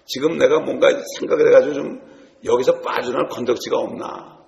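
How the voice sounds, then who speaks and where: A man's voice: medium pitch, steady tone, brisk, vocal fry, darkish tone, echoey room, big-room sound. A man preaching a sermon to his congregation, telling stories and speaking to them directly. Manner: storytelling, addresses congregation directly. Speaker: pastor.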